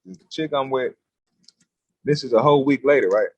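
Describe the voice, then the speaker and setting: A man telling a story as a podcast guest in casual street slang, animated and blunt. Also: mid-range voice, moderate pace, no room sound, muffled recording. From California.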